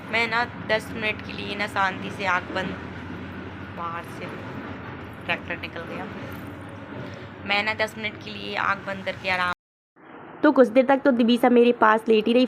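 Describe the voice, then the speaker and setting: A woman's voice: medium pitch, noisy background. A young woman and mother narrating her family vlog in a homely, chatty voice-over, full of small fillers and restarts.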